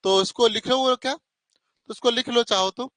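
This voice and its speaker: High bright Hindi-speaking male teacher. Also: measured pace, dry recording, poor audio. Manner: addresses students as beta, asks and answers own questions; corrects himself mid-explanation. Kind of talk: classroom lecture.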